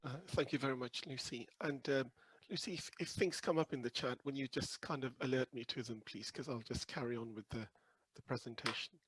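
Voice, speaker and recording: A man with a croaky, hoarse voice presenting a webinar over a video call in a humble, hesitant, explanatory way. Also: mid-range voice, brisk, few pauses, a little hiss or hum, rough recording. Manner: humble, hesitant, softly hedging. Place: video call with screen sharing.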